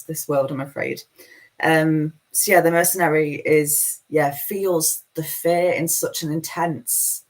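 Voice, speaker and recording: Hosting a live session, a woman from Manchester, England, gives a meandering, self-deprecating spiritual talk in her Manchester accent. Her voice is low with a breathy edge, and the recording is rough.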